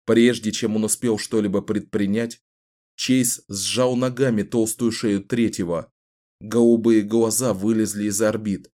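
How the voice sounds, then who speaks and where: A man narrating a fantasy audiobook in a measured, dramatic storytelling voice. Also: on the low side, fairly even intonation, dark tone.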